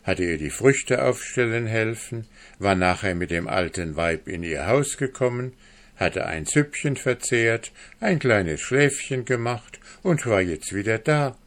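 A male storyteller reads a fairy tale aloud at a very slow, measured pace. His voice sits low and calm. He keeps an unhurried read-aloud delivery throughout.

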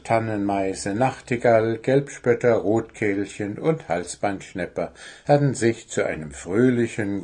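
Slow, husky male storyteller. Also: low voice, a little mellow. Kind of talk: children's story narration.

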